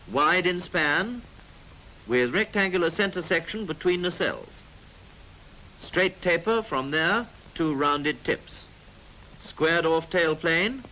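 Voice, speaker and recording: The clipped, instructive narration of this 1940s military training film comes from a British man with a bright, forceful voice on the high side, who adds dry jokes along the way. The old film soundtrack carries a lot of noise.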